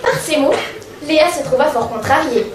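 A woman's voice: high voice, normal speed, noisy background. A woman comedian reciting a rhyming comic tale on stage in a sing-song, mock-innocent manner. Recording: echoey stage sound from far off.

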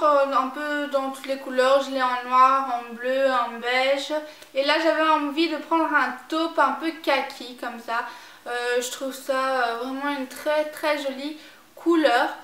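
A young woman, chatting casually about a shopping haul as a beauty vlogger, hesitant and pausing often with filler sounds. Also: high-pitched, fairly even intonation, a bit bright. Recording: echoey room.

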